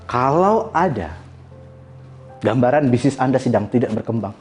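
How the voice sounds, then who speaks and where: A man, a business coach, giving a dramatic motivational talk to an audience, swinging from hushed lines to soaring emotional peaks. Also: medium pitch, lively intonation, normal speed, soft background music.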